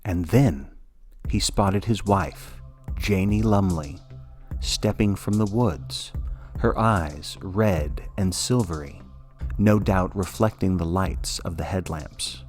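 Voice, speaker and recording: A man with a very low voice tells a spooky story in a scripted, measured way, with a dry, wry edge. Quiet music plays softly under his narration. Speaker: podcast narrator.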